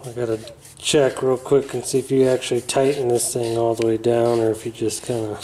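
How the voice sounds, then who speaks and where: A channel host films a casual repair vlog on his phone while working on parts at a floor bench in his garage. He talks loosely and mumbles in a relaxed way, trailing off with plenty of fillers. His medium-pitched voice runs a little fast, and the low-quality recording has slight background noise.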